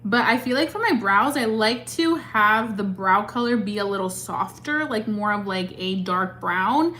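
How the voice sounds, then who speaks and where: A woman in her twenties chats casually while doing her makeup and answering live chat, upbeat and stuffing her talk with "like" and "um." Her mid-range voice has lively intonation, a sharp tone and a measured pace, with slight background noise.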